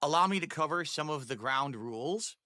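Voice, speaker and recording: A man hosting a livestreamed podcast, explaining things to viewers in a deliberate, emphatic way. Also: on the high side, animated, bright, forceful tone, no room sound, clean studio sound. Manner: deliberate, emphatic, checking in with "all right". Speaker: podcast host and streamer.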